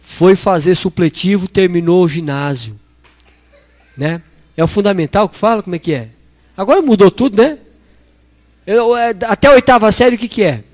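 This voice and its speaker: A middle-aged Brazilian man preaching a lively sermon full of storytelling, who acts out dialogue and calls his listeners brothers. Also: high-pitched, normal speed, pauses often, dry recording. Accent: Brazilian Portuguese. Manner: animated, acts out dialogue, addresses congregation as brothers.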